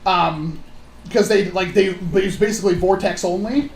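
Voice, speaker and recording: A woman telling stories on a casual livestream in an animated, rambling way, acting out other people's voices. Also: lowish voice, moderate pace, a little hiss or hum. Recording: roomy echo.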